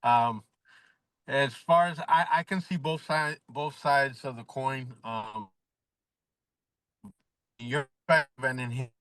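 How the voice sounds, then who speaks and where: Brief: male call-in panelist, slow and bright, hesitant, on a call line that breaks up and cuts out. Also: mid-range voice, dry recording, rough recording. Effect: call connection breaking up and cutting out. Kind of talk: casual podcast chat. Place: just arrived at his home.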